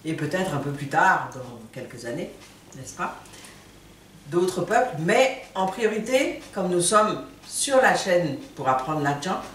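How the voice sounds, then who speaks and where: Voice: medium pitch, very animated, measured pace, fairly bright tone, a little hiss or hum. An Atchan speaker from Ivory Coast, patiently teaching a language lesson word by word. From Ivory Coast, Atchan people. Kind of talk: slow spoken language lesson. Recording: roomy, distant mic, faint ambience.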